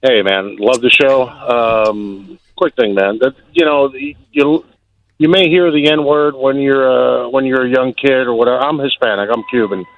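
A man's voice: medium pitch, unhurried, gravelly. A man from Miami calling a radio show, talking casually and rambling with lots of fillers. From Miami, United States. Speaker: caller. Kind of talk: phone-in comment. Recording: tinny phone line.

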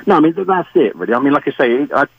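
A man's voice: a little high, very animated, racing, gravelly, husky, no room sound. A British man calling into a talk show on a crackly phone line that fades in and out, talking hesitantly and often saying "like I say". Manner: hesitant, restarts often, repeats "like I say". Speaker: caller. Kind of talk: phone-in chat. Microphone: phone handset. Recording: muffled dry phone call.

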